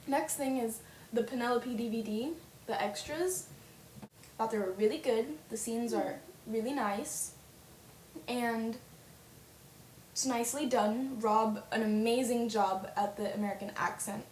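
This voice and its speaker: A young woman chatting in a casual fan vlog, gushing and full of fillers. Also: a little high. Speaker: fan vlogger. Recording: roomy webcam audio with faint hiss.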